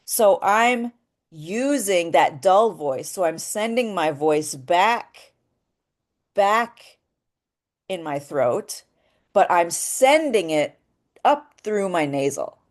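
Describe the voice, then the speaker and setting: A woman's voice: lowish voice, expressive, slow. A woman teaching voice acting in a casual spoken lesson, explaining her ideas step by step and often asking "right?". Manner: explanatory and thoughtful, with frequent "um" and "right?".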